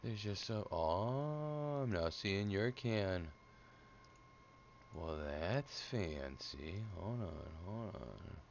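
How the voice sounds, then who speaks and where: A man's voice: lowish voice, animated, extremely slow, gravelly, lo-fi sound, a little hiss or hum. A man streaming a game live, joking crudely with chat and muttering repeated phrases to himself.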